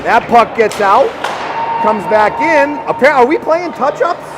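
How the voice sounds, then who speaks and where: A man calling a hockey game live, excitable and chatty, shouting on scoring chances and joking with the listeners. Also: very high-pitched, a little slow, noisy background. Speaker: play-by-play commentator.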